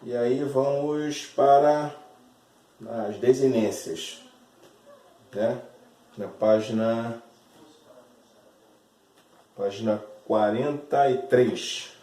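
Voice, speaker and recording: Aula gravada num cômodo com eco, de um professor brasileiro de voz grave e mansa. A fala é pausada e didática, cheia de repetições e de um "certo?" constante. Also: male voice, medium pitch, mellow. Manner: slow, repeats words, often checks with "certo?". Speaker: teacher. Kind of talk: classroom lesson explaining grammar. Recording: echoey room, voice from a distance.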